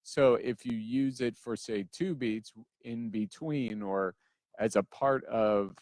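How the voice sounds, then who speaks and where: Relaxed man teaching drums. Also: mid-range voice, slow, dry recording. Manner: relaxed, counts in aloud, wanders off topic. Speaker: drum teacher. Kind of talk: casual instructional talk.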